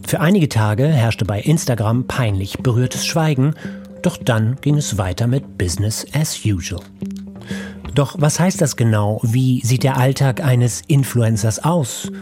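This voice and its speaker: A man's voice: medium pitch, unhurried, over music. A man presenting a scripted introduction to a radio reportage.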